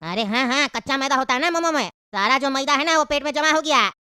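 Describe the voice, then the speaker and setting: Measured male doctor, put on by a woman, dropped voice, lively intonation. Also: high-pitched, no echo, studio quality. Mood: calm. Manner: explaining, measured. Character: calm adult male doctor. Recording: loud background noise.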